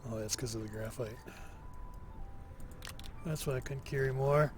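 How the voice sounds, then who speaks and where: A man giving relaxed solo commentary as he plays, slow and musing, thinking aloud to himself. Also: medium pitch, over music. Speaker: gameplay commentator.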